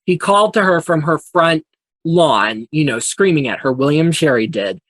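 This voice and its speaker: Chatty male podcast host, fairly high voice. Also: lively intonation, moderate pace, a bit bright, dry recording. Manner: chatty retelling of old Hollywood stories. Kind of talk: casual storytelling podcast.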